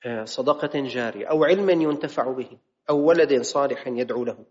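A preacher gives an emphatic religious lesson in colloquial speech in a mosque hall, his medium-pitched, darkish voice moving fairly quickly. He draws out his quotations and poses rhetorical questions again and again, and the reverberant hall makes the recording sound slightly dull.

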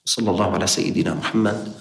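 A man's voice: deep voice, steady tone, fast talker, gravelly, roomy sound. A man with a Levantine Arabic accent preaching a sermon, appealing directly and passionately to his listeners.

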